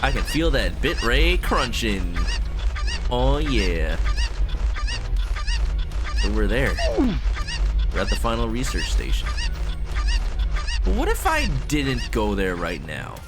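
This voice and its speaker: A man's voice: mid-range voice, wildly swooping pitch, takes it slowly, pauses often. A man casually commentating a video game livestream in a playful, exclamatory way.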